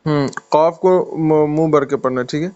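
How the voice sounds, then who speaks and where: A man's voice: fairly high pitch, mellow, smooth, muffled recording. A man teaching Quran recitation in an online class, patiently correcting pronunciation step by step. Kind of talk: online tajweed lesson. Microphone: video call.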